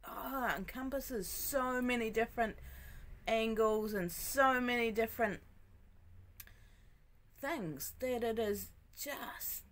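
A woman giving a casual devotional talk, gentle and reflective, often sinking to a soft near-whisper. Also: fairly high pitch, slow, pauses often. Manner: many fillers and restarts, reflective.

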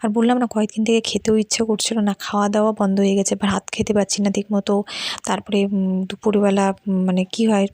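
A woman vlogger speaking softly in a hushed late-night voice-over, chatty and unwell with little energy. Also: medium pitch, flat delivery, brisk, no room sound. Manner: talks softly, chatty with fillers.

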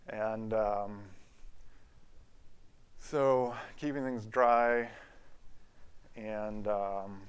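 A sawmill owner gives a casual, plain-spoken walk-through tour of his operation, starting outdoors around the yard and later moving inside a large former riding arena. His voice is smooth and on the low side.

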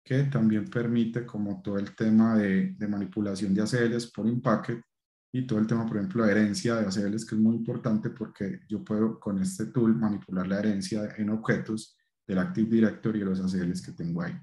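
Male presenter, warm dark tone, halting technical talk, roomy sound. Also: on the low side, steady tone. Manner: hesitant, frequent fillers and restarts.

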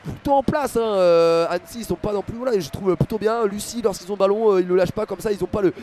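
Excitable young French man doing live football commentary. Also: high-pitched, fast talker, slight background noise. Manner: excitable, many fillers, talks to chat viewers.

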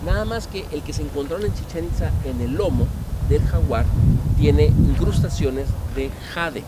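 Guide, middle-aged man, slightly high voice, animated storyteller, outdoor noise. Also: moderate pace. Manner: animated, gesturing, asks the audience questions. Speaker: museum guide. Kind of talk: storytelling tour explanation. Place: outdoor park museum among statues.

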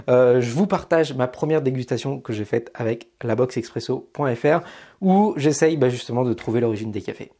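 A man's voice: fairly high pitch, darkish tone. A man in his thirties, a coffee YouTuber, chatting casually as he tastes and describes coffees in a small home studio, with many fillers and hesitations. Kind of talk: casual coffee tasting vlog.

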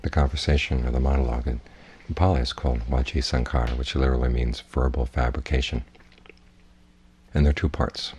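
With an extremely low, husky voice and a steady tone, a man guides a meditation as a Buddhist teacher. His instruction is measured and plainspoken, and the sound is a little mellow.

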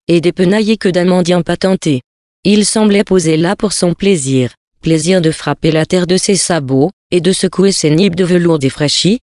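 A narrator reading a literary tale with measured, poetic phrasing. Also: medium pitch, a little mellow, no echo, clean studio sound.

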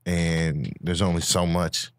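A man's voice: deep voice, flat delivery, slow, no room sound. A young man with a Midwestern American accent, a guest on a casual studio podcast, telling his story in a laid-back way with laughs and restarts. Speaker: guest rapper. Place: small studio with dark backdrop. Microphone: studio mic with headphones.

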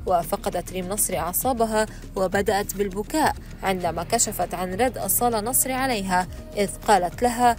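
A woman reading scripted voice-over narration for entertainment news. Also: mid-range voice. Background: soft music.

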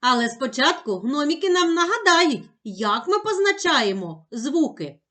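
A woman teaching young children, speaking slowly with exaggerated, sing-song emphasis on each sound and syllable. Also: high-pitched, very animated, pushed and bright. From Ukraine. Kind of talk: slow, clearly enunciated lesson for young children.

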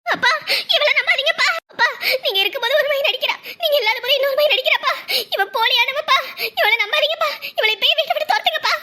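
Super high whiny cartoon girl, bright voice, pleading. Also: fast talker. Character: mistreated young stepdaughter, teen girl, tearful. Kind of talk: Tamil cartoon voice acting.

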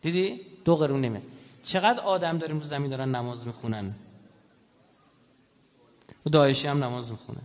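A man's voice: a little high, long pauses. Man lecturing in an echoey hall. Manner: animated storytelling, asks the audience questions. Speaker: religious lecturer. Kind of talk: public religious lecture.

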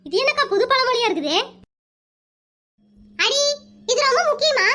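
A woman voicing a sharp-tongued, gossiping village wife in a comedy cartoon. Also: very high-pitched, sing-song, normal speed, heavily acted. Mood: gossipy. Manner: chatty, teasing, scolding.

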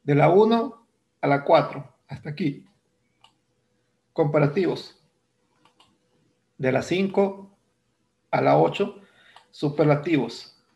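Male English teacher with a Mexican Spanish accent, fairly high and gravelly, walking students through a lesson patiently and repeating key terms. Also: takes it slowly, pauses often, a little mellow. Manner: explains step by step, repeats terms, asks "¿no?". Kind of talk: recorded online grammar lesson.

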